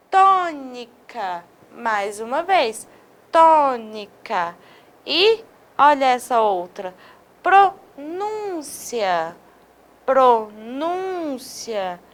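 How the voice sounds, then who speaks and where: Slow, high-voiced Brazilian woman teacher. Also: a bit bright. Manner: slow, stresses syllables, drawn-out example words; checks in with listeners often. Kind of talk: online video lesson.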